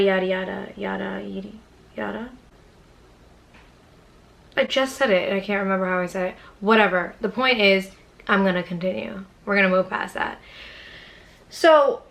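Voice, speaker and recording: A woman's voice: medium pitch, a bit bright. A young woman telling a storytime vlog to her camera, casual and chatty, swearing freely and filling with "um" and "anyways". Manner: casual, profane and chatty, with frequent fillers. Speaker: YouTuber. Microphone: camera mic, talking to camera.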